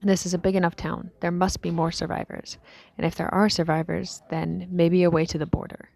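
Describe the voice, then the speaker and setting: A woman acts out a weary young female survivor speaking into a recorder for an audio drama diary. Her voice is low, dark and mellow, with heavy vocal fry. She muses haltingly and low-key, her phrases trailing off breathily. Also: flat delivery. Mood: weary, resigned. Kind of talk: scripted audio diary monologue, fiction drama.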